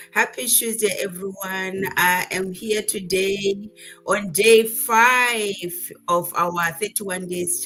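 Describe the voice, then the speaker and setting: A woman from Botswana hosting a live video chat, upbeat and quick to laugh, with formal greetings over a video call. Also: mid-range voice, bright, forceful tone. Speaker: host.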